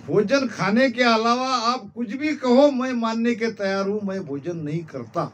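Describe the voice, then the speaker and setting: A man voicing a stubborn but simple village man who pleads and protests in a quick, rising voice while telling a story in a sermon. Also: sits high, voice pushed up, lightly acted. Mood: pleading.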